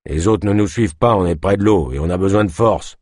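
A man voicing a burly, grumpy male trapper who talks in a gruff grumble, in an audiobook. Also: low-pitched, a little fast, darkish tone, no room sound, studio quality. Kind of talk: audiobook narration.

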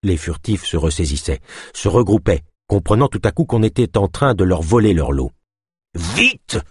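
A man's voice: deep voice, expressive, a little fast, darkish tone, slightly rough, no echo, studio quality. A man narrating an adventure story as an audiobook, reading expressively.

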